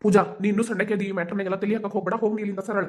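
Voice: mid-range voice, little pitch movement, racing, natural voice. A voice artist playing a stubborn, hot-tempered young man who lectures his sister curtly, with a North Karnataka Kannada accent. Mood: angry lecturing. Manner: curt, lecturing.

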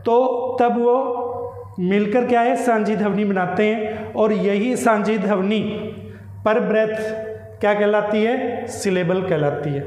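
A man teaching English as a lesson, explaining slowly, repeating key words and asking and answering his own questions. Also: high voice, a little mellow. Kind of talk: classroom-style lesson. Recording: echoey room with long reverb.

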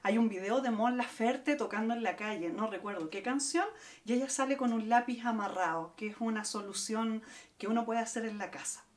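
A woman's voice: fairly high pitch, fairly quick. A woman teaching a guitar lesson, explaining step by step and counting out the strums. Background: acoustic guitar playing.

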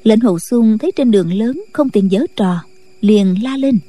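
A woman narrating a martial-arts novel in a steady, scripted late-night storytelling style. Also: mid-range voice, normal speed. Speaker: audiobook narrator.

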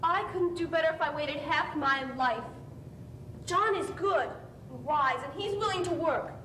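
A woman's voice: measured pace, fairly bright tone. A woman in an amateur stage play acting an earnest, proud, easily flustered young woman in love. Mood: defiant. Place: theatre stage, indoors. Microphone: far camera. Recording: noisy, rumbling, echoey distant stage recording.

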